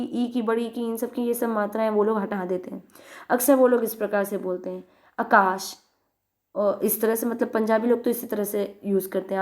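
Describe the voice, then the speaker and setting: A woman teaching an online grammar lesson, explaining patiently, repeating each word slowly and addressing viewers as friends. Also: mid-range voice, darkish tone.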